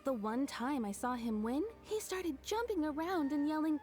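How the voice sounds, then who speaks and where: A wry, gentle townswoman. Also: high voice, sing-song. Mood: amused. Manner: measured, gently amused storytelling. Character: kindly adult woman townsperson, gentle and wry. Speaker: game character telling a story. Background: soft game music.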